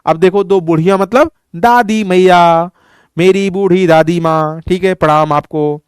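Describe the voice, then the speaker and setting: A man's voice: high-pitched, unhurried, clear, resonant tone, no room sound, studio quality. Playful teasing male teacher. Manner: playful, teasing, asks students questions. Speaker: Hindi teacher. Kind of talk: casual lesson explanation.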